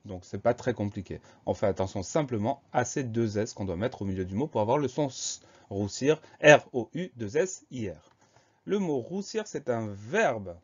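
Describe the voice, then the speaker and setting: A man teaching a spelling lesson, explaining words slowly and spelling them out letter by letter. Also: mid-range voice, lively intonation, darkish tone, husky, muffled recording.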